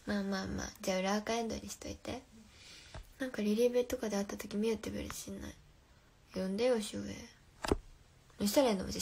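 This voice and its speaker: A woman's voice: medium pitch, gravelly, a little mellow, a little hiss or hum. A young woman hosting a casual phone livestream, reading viewer comments aloud and answering playfully, often dropping to a whisper. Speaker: livestream host.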